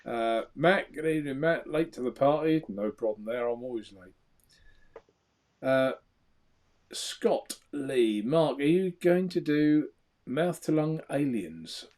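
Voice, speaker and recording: A man's voice: mid-range voice, lively intonation, slow, a little mellow. A man co-hosting a casual live vape show, reading out viewer comments and laughing often. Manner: chatty, laughs often, trails off into mumbles.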